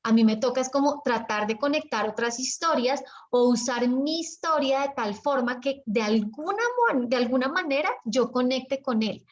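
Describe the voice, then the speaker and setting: Chatty Colombian woman coaching on a video call. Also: dull audio. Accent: Colombian Spanish. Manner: chatty and animated, acts out examples with pauses and lowered tone. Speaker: business coach leading an online workshop.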